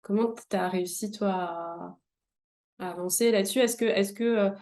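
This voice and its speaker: A woman's voice: medium pitch, normal speed, mellow. A young woman hosting an interview, asking questions in a hesitant, casual way with many fillers. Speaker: interview host.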